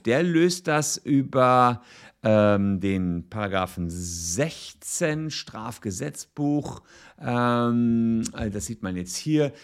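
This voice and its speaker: Low-voiced man explaining law. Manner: explanatory, thinking aloud with many fillers. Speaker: legal commentator. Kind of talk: explaining law while reacting to a video.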